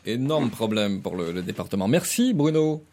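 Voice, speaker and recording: Radio host, man, lower voice, measured delivery. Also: sing-song, dark tone. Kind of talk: radio phone-in hosting.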